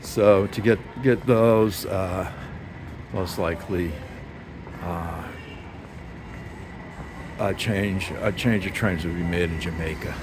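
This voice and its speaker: Low-voiced man musing over loud noise. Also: steady tone, slow pace, pauses often. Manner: hesitant, musing aloud. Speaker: vlogger giving a walking station tour. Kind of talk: casual, unscripted walk-through commentary. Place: indoor train station, walking. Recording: very noisy busy train station.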